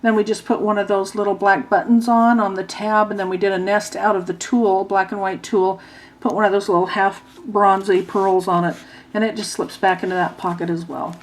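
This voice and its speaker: Hoarse woman talking with a sore jaw. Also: mid-range voice, flat delivery, brisk, rough recording. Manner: stiff-jawed speech, as with a sore, wired jaw. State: hoarse, dry mouth. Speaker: craft class instructor presenting a tutorial. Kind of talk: casual craft walkthrough.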